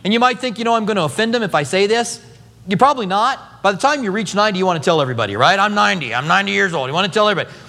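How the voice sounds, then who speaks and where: A man's voice: sits high, racing. A man in his fifties preaching a conversational sermon, acting out the quotes he tells. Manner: animated, conversational, acts out quotes. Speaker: pastor. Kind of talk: expository sermon. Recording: long hall reverb.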